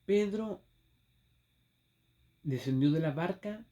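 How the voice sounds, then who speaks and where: A man's voice: high-pitched, animated, slow pace, dark tone. A man with a Chilean accent preaching a sermon, telling a story with acted exclamations and rhetorical questions.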